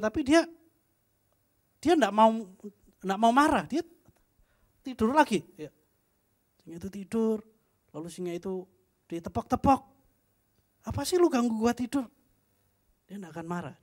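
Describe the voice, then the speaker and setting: High-voiced joking young preacher. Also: male voice. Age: young adult. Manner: chatty, joking, frequent tag "ya". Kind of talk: youth fellowship sermon, casual storytelling.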